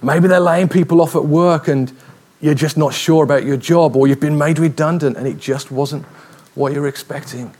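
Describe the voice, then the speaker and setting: A man preaching a sermon in a lively, humorous, conversational way, telling stories. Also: a little high, moderate pace. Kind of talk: sermon with storytelling.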